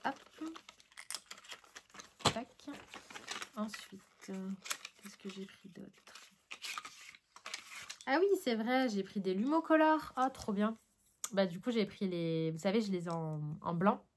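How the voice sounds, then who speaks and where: A French woman vlogging casually at home as she unboxes art supplies, sniffly from a tickling nose, chatty and excitable with lots of fillers. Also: mid-range voice, slow pace, long pauses, noisy background.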